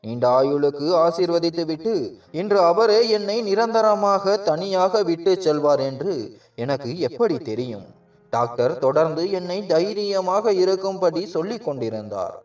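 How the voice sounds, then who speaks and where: A man tells a dramatic first-person story in a measured, emotional way. His voice sits a little high. He sounds set back from the mic, with faint music underneath. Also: lively intonation. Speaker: narrator. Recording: distant mic with soft background music.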